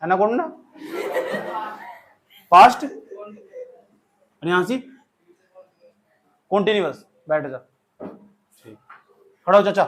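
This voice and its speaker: Male grammar teacher, high-pitched, scolds and jokes with students in class. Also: animated, drawn-out words, long pauses, fairly bright tone. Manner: scolding, teasing, quizzing students. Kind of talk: classroom lecture.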